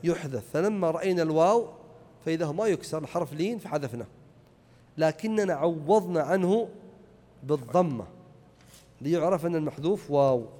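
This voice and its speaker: A man's voice: a little high, animated, a little fast, pauses often, warm tone. A man teaching an Arabic grammar lesson, repeating key points and checking that his students follow. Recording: echoey hall reverb.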